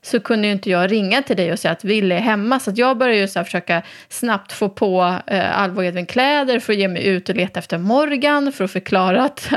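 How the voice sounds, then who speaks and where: A mother from Sweden joining in quickly and chattily as she retells the family story in casual conversation. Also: mid-range voice. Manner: quick, chatty, adds to her partner's story.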